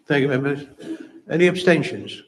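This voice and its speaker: A man's voice: fairly high pitch, expressive, a little hiss or hum, poor audio. Man chairing a council meeting. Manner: measured, procedural.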